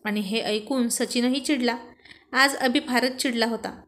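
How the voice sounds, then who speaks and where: A woman narrating a romantic story aloud in a lively, animated way. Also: a little high, unhurried.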